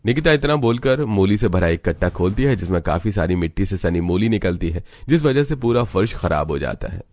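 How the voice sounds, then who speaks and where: A man narrating a cartoon family story in a steady, matter-of-fact way. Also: low voice, a little fast.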